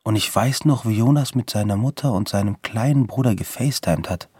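Husky man reading a gritty story. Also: fairly low pitch, fairly quick, a little mellow, no echo, clean studio sound. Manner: gritty slangy street talk. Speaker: narrator. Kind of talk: first-person story reading.

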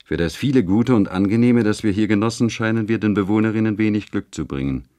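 Brief: male reader voicing an English lord in a novel, polite and measured, low-pitched. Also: dark tone, no echo, studio quality, natural voice. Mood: concerned.

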